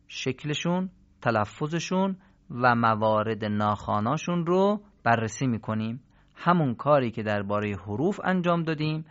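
A man teaching the rules of Quran recitation in a recorded lesson, explaining step by step and asking questions he then answers himself. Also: mid-range voice. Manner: explanatory, asks rhetorical questions and answers them. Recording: dull lo-fi audio.

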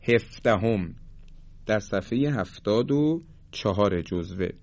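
In a recorded lesson on Quranic tajweed pronunciation, a man speaks formally and politely, slowing down to demonstrate letter sounds. His voice is mid-range with a darkish tone, and the recording sounds dry, dull, and lo-fi.

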